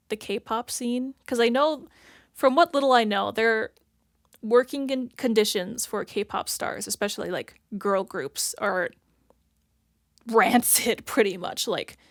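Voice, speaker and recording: A woman's voice: mid-range voice, fairly bright tone, no echo, studio quality. Rambling woman thinking aloud. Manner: rambling, full of "like" and "if that makes sense"; thinks aloud, searching for words. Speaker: reaction video host. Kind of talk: casual reaction commentary.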